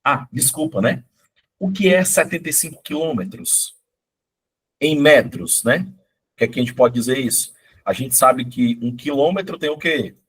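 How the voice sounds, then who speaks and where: A middle-aged man's husky, mid-range voice, hoarse from a cold, is expressive and moves at a moderate pace. He's teaching a live online math exam-prep class in a chatty, coaxing manner and checks in with his students often.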